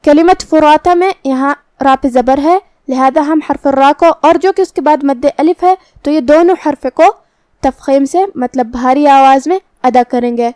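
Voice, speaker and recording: A woman teaching Quran recitation rules, explaining each letter's sound step by step and then reciting slowly. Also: high-pitched, fairly even intonation, a little mellow, no echo.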